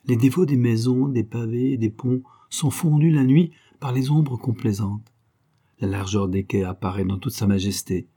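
Man reading a diary aloud, dark husky voice. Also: on the low side. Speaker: audiobook reader.

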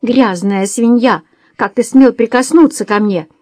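A woman voicing a hot-tempered young waitress who shouts and threatens in a shrill, raised voice. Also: moderate pace, no room sound, studio quality, natural voice. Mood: furious.

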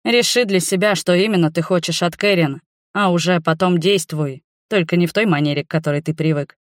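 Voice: mid-range voice, fairly quick, dry recording, clean studio sound, natural voice. Wry young water mage, read by a narrator. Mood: advising. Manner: even, teasing, advising.

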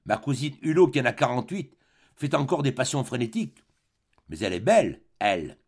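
A man's voice: medium pitch, sing-song, a little fast, a little mellow, slightly rough. A man reading an audiobook, voicing a jealous, possessive spinster woman in her forties who pleads and reproaches. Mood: reproachful.

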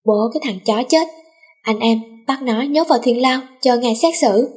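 A woman voicing a rowdy teenage boy who plays a bossy mock judge, with a breathy voice and mock-pompous orders. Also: on the high side, moderate pace, darkish tone.

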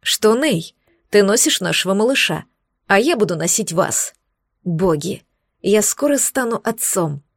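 Woman narrator playing a loving incubus husband, soft, lightly lowered, dry read. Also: expressive, a little slow, no echo. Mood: joyful. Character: tired devoted incubus husband, joyful.

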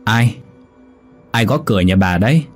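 A man's voice: fairly low pitch, animated, moderate pace, breathy edge, soft background music. A man voicing a stern, irritable older woman who runs a household and scolds her servants, in a ghost story. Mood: wary. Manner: sharp, scolding, orders servants.

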